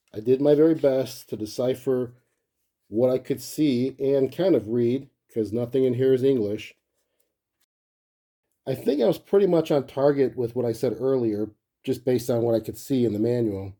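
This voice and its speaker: Mellow and medium-pitched, this man's voice belongs to a collector doing a gadget review. He's relaxed and informal, musing aloud as he gives a hands-on look without a script.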